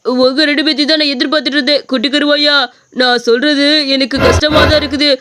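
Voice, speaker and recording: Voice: high-pitched, fairly even intonation, fast, noisy background, lightly acted. A performer voicing a male doctor in a cartoon story, blunt and matter-of-fact.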